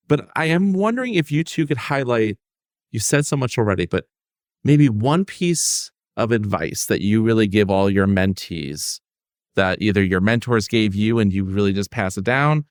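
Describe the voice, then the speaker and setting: A man's voice: lowish voice, no room sound, clean studio sound. A man hosting a podcast interview, chatty and upbeat as he asks his guests questions. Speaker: podcast host.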